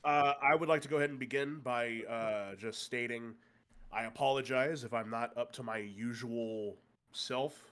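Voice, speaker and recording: With his nose stuffed up, a man game-masters for friends at a table, jokingly going over last session's events with lots of fillers. He speaks at a moderate pace in a mid-range, fairly bright voice.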